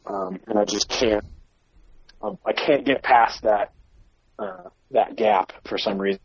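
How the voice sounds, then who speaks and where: Casting note: a man on a call that keeps dropping out, telling his side in a relaxed, offhand way. The internet call audio sounds dull and lo-fi. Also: on the low side, unhurried, breathy edge, dry recording. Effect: remote call audio breaking up and dropping out. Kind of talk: casual chat. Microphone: remote call.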